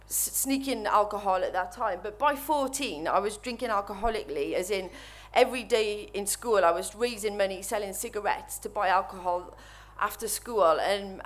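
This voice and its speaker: A woman in her thirties with a Welsh accent, nervously telling her recovery story to an audience at a microphone, halting and full of restarts. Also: medium pitch. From Wales. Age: 30s. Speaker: speaker sharing recovery story. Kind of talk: personal testimony to an audience. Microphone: microphone while standing before an audience.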